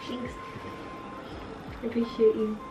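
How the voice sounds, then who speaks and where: A woman's voice: fairly high pitch, level tone, takes it slowly, warm tone, muffled recording. A young woman hosting a casual Q&A with her father, chatty and laughing easily, with many "like" fillers. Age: young adult. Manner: chatty, full of "like" fillers, giggly. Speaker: vlogger hosting Q&A. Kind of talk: casual chat. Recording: echoey room with faint music.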